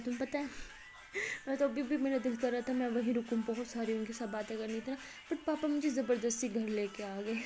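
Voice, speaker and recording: A woman's voice: a little high, dark tone, lightly acted. A woman voicing a playful, doting young woman who teases her girlfriend. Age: young adult. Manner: playful, doting, exclaims often.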